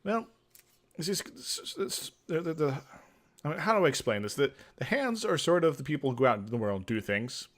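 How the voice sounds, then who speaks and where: This gaming video host has a voice on the high side, sing-song and a bit bright, moving fairly quickly. He shifts between dramatic narration of game text and casual commentary, with hesitant, rambling asides in between.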